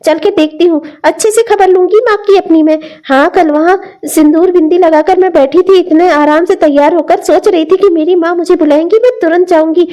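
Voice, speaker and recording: A woman voicing a quick-tempered middle-aged cartoon mother who argues with her own mother. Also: extremely high pitch, mellow. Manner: indignant, arguing. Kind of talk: cartoon dialogue acting.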